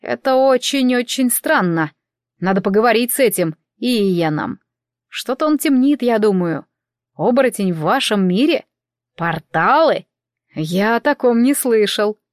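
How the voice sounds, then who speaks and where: A woman voicing an excitable, bossy male elf priest, exclaiming and lecturing in an audiobook reading. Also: fairly high pitch, unhurried, dry recording, clean studio sound. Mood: puzzled.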